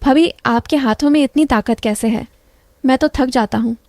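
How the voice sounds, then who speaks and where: Woman voicing a smitten young man, soft-spoken. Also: high voice, moderate pace, no room sound, clean studio sound. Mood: teasing.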